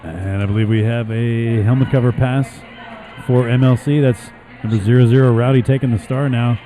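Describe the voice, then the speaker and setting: A man doing live play-by-play commentary at a roller derby bout, brisk and wry, slipping in dry jokes between calls. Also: medium pitch, steady tone, music in the background.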